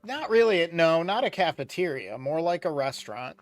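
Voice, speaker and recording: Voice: mid-range voice, big pitch swings, moderate pace, faint music behind. A game master narrating a tabletop game in a conversational way.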